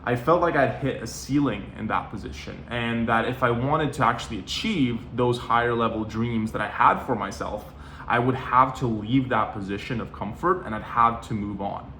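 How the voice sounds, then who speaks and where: A man's voice: mid-range voice, normal speed, bright, forceful tone, a little hiss or hum. A young man in his twenties from Norway, giving casual, conversational career advice and often saying "you know" and "like". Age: 20s. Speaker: sales coach. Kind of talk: casual talking-head advice. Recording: roomy echo.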